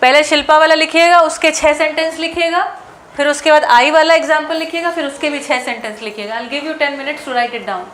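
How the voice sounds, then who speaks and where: A woman teacher with an Indian accent, drilling English grammar sentences in a classroom lesson, slow and word by word. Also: high-pitched, a bit bright, slight background noise.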